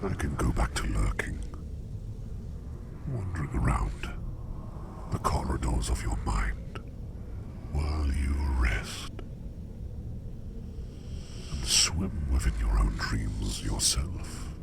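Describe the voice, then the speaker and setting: In an ASMR roleplay, a man plays a curious, courteous sleep demon and dream walker, murmuring in a rock-bottom low, heavily creaky, gravelly voice that sinks into breathy whispers. His delivery is expressive and heavily acted yet gentle and reassuring, with slow, measured phrases in formal, old-fashioned wording. Noise is clearly audible beneath him.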